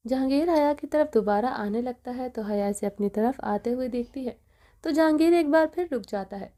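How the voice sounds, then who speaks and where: A woman reading a romantic novel aloud as narrator, in a steady, expressive storytelling style. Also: high-pitched. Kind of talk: scripted narration.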